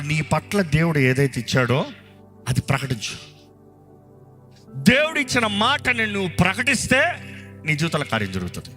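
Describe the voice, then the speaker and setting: A man's voice: fairly high pitch, pushed and bright. A male pastor with a Telugu accent preaching a sermon and leading the congregation in fervent, repeated prayer. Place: church hall.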